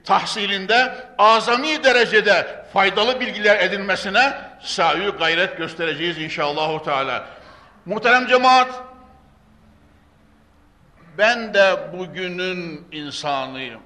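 A man preaching into a pulpit microphone in a big hall, his high voice ringing out with a long reverb. His tone is bright and forceful. He declaims scripture in a sing-song cadence, then sinks to a hushed, earnest murmur. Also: measured pace. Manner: declaims Arabic quotations, drops to hushed earnest tones. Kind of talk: sermon.

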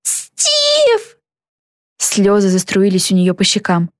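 A woman narrating a children's storybook in a lively, expressive way. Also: fairly low pitch, normal speed, no room sound, clean studio sound. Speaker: audiobook narrator.

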